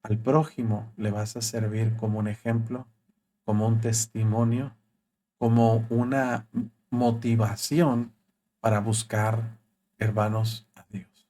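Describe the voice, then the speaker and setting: A man's voice: on the low side, level tone, slow pace, dark tone. A man preaching as a pastor on a live broadcast, voicing quoted thoughts with rising emphasis.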